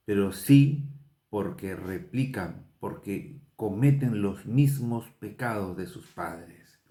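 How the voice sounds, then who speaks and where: A man from Peru preaching a sermon, earnest and unhurried, with rising emphatic bursts. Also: fairly low pitch, warm tone, roomy sound. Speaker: pastor.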